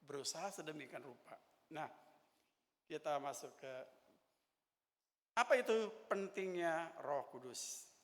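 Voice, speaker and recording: A man in his sixties preaching a sermon in church, animated and joking as he tells stories. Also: high voice. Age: 60s. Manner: animated, joking storyteller with laughter. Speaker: pastor. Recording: echoey church hall.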